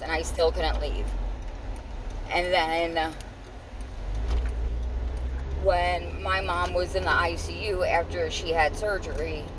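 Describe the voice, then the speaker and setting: A woman venting in a casual monologue, halting and repetitive, with informal, sweary phrasing. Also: fairly low pitch. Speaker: vlogger. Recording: clear steady vehicle-like background noise.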